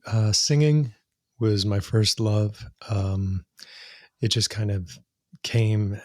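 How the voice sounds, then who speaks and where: A middle-aged man, a singer-songwriter guest on a podcast, telling his story with animated delivery, frequent laughs and imitated sounds. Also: on the low side, takes it slowly, dry recording, studio quality.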